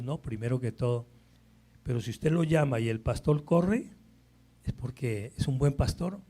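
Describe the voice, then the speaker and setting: A man's voice: mid-range voice, mellow. A male pastor preaching a sermon to his church, emphatic and often asking the congregation questions. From Colombia.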